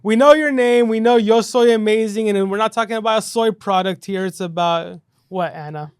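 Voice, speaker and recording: This podcast host speaks in a high-pitched, smooth voice at a moderate speed, keeping things loose and cheerful. Fillers like "right" and "you know" crop up constantly. There's no room sound, just clean studio quality.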